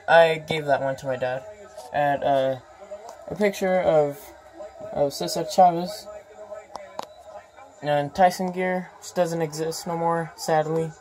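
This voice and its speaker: A vlogger holds a phone and casually narrates a tour of a poster-filled room, listing items with plenty of ums and uhs. The voice is mid-range and slightly mellow.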